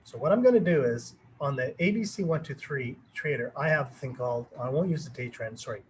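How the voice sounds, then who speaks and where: A man's voice: mid-range voice, animated, a little fast, slight background noise, poor audio. A man hosting a live trading webinar, answering viewer questions in a loose, rambling way with many fillers and restarts. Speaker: trading educator presenting a webinar.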